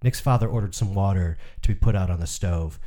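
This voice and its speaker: Deep-voiced man reading a story. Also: a little fast, mellow. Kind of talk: scripted literary narration.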